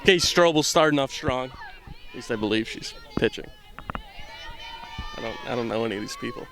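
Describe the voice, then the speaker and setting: Young man doing casual headset commentary outdoors, rambling and offhand, mid-pitched. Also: expressive, moderate pace, a crowd in the background. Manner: rambling, self-deprecating, offhand. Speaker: camera operator and commentator. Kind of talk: casual live sports commentary. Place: outdoors at a softball field.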